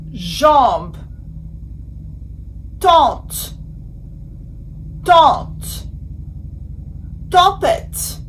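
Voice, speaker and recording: A woman giving an instructional pronunciation lesson as a language teacher, deliberately demonstrating sounds and repeating example words. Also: fairly high pitch.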